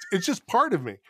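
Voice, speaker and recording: A man's voice: high voice, a bit bright, husky. A man chatting as a guest author on a podcast, chuckling often and joking about his own verbal habits. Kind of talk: casual podcast chat.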